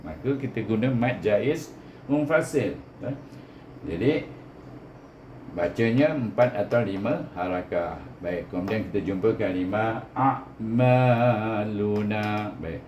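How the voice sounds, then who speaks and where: A man's voice: on the low side, lively intonation, slow, a little mellow. A man with a Malaysian accent teaching Quran reading step by step, over-enunciating syllables in a didactic way and often tagging points with a short "eh". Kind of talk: step-by-step recitation lesson. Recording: echoey room with background noise.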